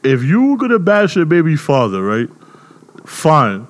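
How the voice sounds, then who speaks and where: A man, hosting a casual podcast chat, loud and joking in street slang. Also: fairly high pitch, huge pitch swings, measured pace, a little hiss or hum. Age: 20s. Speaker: podcast host.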